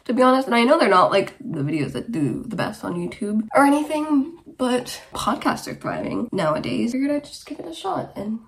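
A woman's voice: on the high side, sing-song, brisk, few pauses, slight background noise. A nineteen-year-old woman from Romania hosting her own podcast, chatting casually and rambling with lots of "like" and asides. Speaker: podcast host. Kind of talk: casual solo podcast chat.

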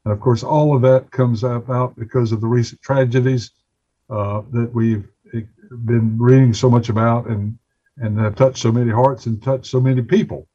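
A man's voice: medium pitch, fairly even intonation, normal speed, mellow. A man hosting a broadcast interview show, heard as a dull recording taped off the radio. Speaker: talk show host.

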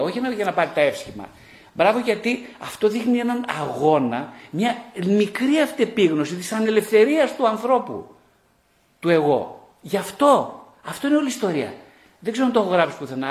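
A middle-aged man speaks to a live audience as a psychologist, his pitch running a little high and swinging widely from phrase to phrase. He repeats short phrases and throws out rhetorical questions. The sound carries the echo of a reverberant room. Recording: echoey room.

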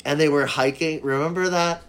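A man's voice: on the high side, steady tone, brisk. A man co-hosting a podcast in casual chat, blunt, opinionated and freely profane. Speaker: podcast co-host.

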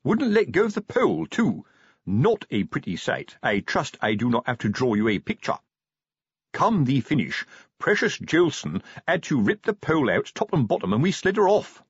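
A male narrator voices a pompous, older police sergeant who is fatherly and prudish, his pitch swooping wildly at a normal speed. His earnest, embarrassed lines come in hesitant, colloquial, self-important phrases, like audiobook dialogue from a comic storybook. The dry recording sounds slightly muffled but free of huskiness, with very little room sound.

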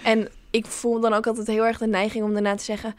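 A woman's voice: fairly high pitch, completely flat delivery, fast, dry recording. A woman in her twenties, a podcast co-host and influencer, talking openly and earnestly in casual chat. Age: 20s. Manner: open, earnest, self-reflective.

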